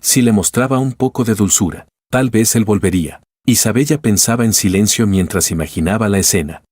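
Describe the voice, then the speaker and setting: A man narrating a scripted story in an even, measured reading. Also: on the low side, no room sound, studio quality.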